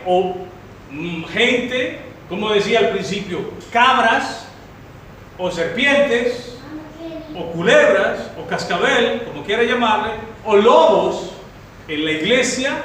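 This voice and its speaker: Male pastor, Central American Spanish accent, very high voice, fervent exhorting sermon, heard from afar in a very echoey hall. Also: far from the mic. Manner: exhorting, rising to shouts. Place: church hall. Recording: very echoey hall, mic from afar, faint rumble.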